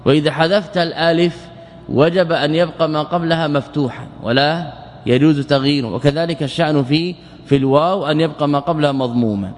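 A man teaching Arabic morphology in a lecture, repeating words slowly and asking and answering his own questions. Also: a little high, slight background noise. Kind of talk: classroom lecture explaining grammar. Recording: long hall reverb.

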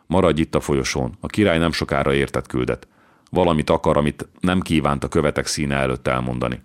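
A man voicing a thin, hunched, shrewd male priest who hisses his words in exasperation. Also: a bass voice. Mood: reassuring. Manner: hissing, exasperated.

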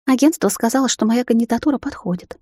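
A woman's voice: on the high side, fast, a little mellow, husky, dry recording, pitched above the performer's own voice. Woman voicing a shy young vampire maid, raised, breathless, pleading and near tears, dry storybook read. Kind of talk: audiobook character voice.

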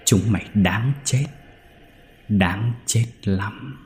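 A man's voice: fairly low pitch, animated, measured pace, a little hiss or hum. A man voicing a vengeful, cruel female ghost who taunts her victim in a menacing tone. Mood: gloating.

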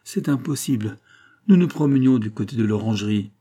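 A man's voice: mid-range voice, animated, a little fast, mellow, natural voice. A man voicing a clumsy sixteen-year-old boy who pleads tearfully with his aunt in a storybook reading. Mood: pleading.

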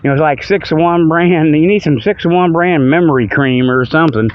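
Recorded by a river, this older male host of a hobby radio show wanders through a casual, joke-filled monologue in a folksy way, laughing at his own humor. His voice is on the high side, clear and resonant, at a moderate pace. The sound quality is lo-fi.

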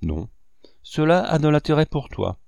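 A man's voice: a little high, sing-song, normal speed, gravelly, darkish tone, no room sound, studio quality, voice pushed up. A man voicing a kindly older peasant foster mother who speaks in tender, emotional exclamations. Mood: serious.

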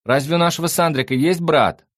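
A man voicing a flighty young party girl with a high thin voice who pesters with questions. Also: lively intonation, moderate pace, dry recording, studio quality, natural voice. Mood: prying.

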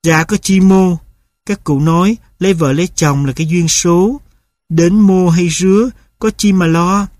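A man voicing a gentle, coaxing young village woman who pleads softly and sweetly. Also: sits high, measured pace, dry recording, studio quality. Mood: coy.

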